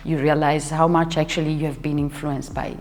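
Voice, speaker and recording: A young woman from Italy, a dancer and choreographer, is casually interviewed, frequently pausing for words, starting sentences over and laughing. Her delivery is flat, low-pitched and a little mellow. Hall reverb and faint music fill the background.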